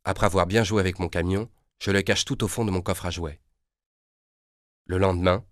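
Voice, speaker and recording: A man with a low voice narrates a children's audiobook in a lively storytelling manner. He is recorded close and dry, with no room sound. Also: no echo.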